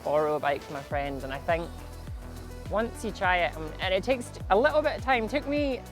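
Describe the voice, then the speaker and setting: A man with a Highland Scottish accent speaking casually in an interview as an e-bike racer. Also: animated, normal speed. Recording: music behind the voice.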